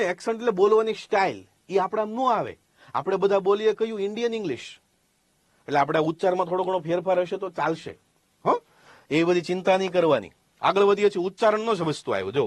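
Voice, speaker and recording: High-voiced Gujarati teacher, dry sound. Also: male voice, no room sound. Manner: explains step by step with questions and repeated examples. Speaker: spoken English teacher. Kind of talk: classroom lesson.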